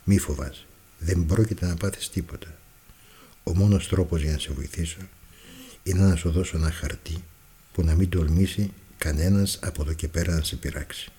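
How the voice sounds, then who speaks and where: A man voicing a kindly, fatherly male doctor who speaks in a soft, reassuring way. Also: sits low, breathy edge.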